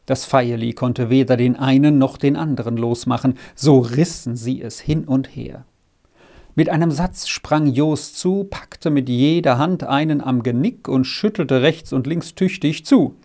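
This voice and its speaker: A man narrating a children's story as an audiobook, in a measured storytelling manner. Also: mid-range voice, dark tone. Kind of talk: audiobook reading.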